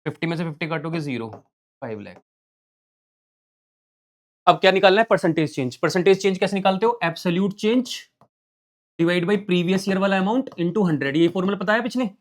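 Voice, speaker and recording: A man teaching accountancy in an online lesson, reading out numbers as he writes and firing quick questions that he then answers himself. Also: high-pitched. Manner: talks while writing, reading out numbers. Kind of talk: online lesson, solving on a board.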